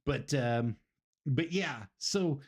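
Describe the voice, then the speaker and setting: A man's voice: medium pitch, lively intonation, drawn-out words. A man, hosting a casual wrestling review stream and rambling, repeating phrases for emphasis. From Tennessee, US. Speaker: stream host.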